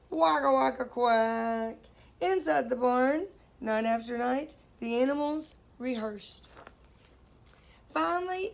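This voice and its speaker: A woman's voice: high voice, vocal fry. A woman teacher reading a picture book aloud to children, stopping to ask them questions and playfully singing the animal noises.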